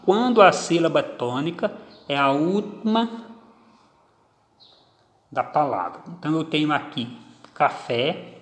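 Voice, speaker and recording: A man teaching a grammar lesson, stressing each example word slowly and deliberately. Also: a little high, expressive, a bit bright. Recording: echoey room with long reverb.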